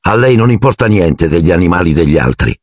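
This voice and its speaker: A man's voice: sits low, animated, a little fast, dry recording, clean studio sound. A man voicing a blunt, hot-headed teenage boy in an audiobook. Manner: blunt, pushy. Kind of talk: audiobook character voice.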